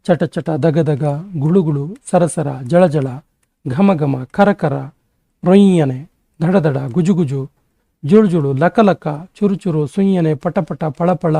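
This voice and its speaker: A male exam-prep teacher giving a grammar lesson, briskly rattling off word lists. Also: on the high side, dark tone, dry recording.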